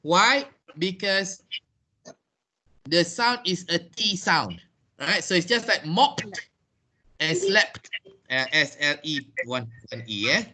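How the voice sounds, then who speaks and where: A man with a Malaysian accent leads an English lesson, spelling out words letter by letter. He speaks slowly in a bright, somewhat high voice, circling back to repeat his points. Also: lively intonation, a little hiss or hum. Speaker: English teacher. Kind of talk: classroom lesson. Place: workplace training room.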